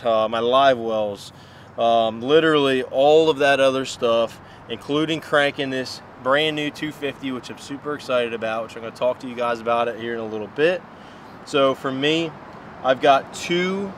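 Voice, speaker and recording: A man in his thirties with a medium-pitched voice chats his way through a walkthrough of his fishing boat, relaxed and loose, with plenty of "um" and "you know". He is recorded outdoors, with faint background noise around him. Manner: relaxed and chatty, many fillers and restarts. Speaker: pro angler giving a boat tour. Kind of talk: casual walkthrough. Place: outdoors beside a boat in a yard.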